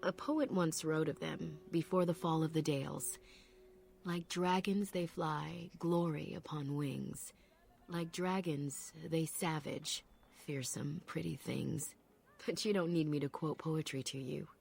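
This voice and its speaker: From a game, an actress voices a calm, proud elf apprentice in a full character voice that is low and husky. Her delivery is measured and reflective, and the mood is solemn.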